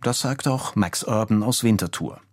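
A man presents a radio feature from his home office. He narrates in a calm, measured scripted style. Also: on the low side, dry recording, studio quality. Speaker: radio host.

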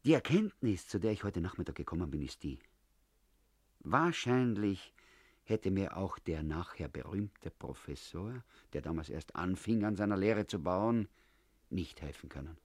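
A man's voice: low-pitched, lively intonation, a little slow, husky, dry recording, studio quality. A man reading a first-person story aloud in a confiding tone, as if talking to an old comrade. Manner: confiding, addressing the listener as comrade. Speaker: audiobook narrator. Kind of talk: first-person literary narration.

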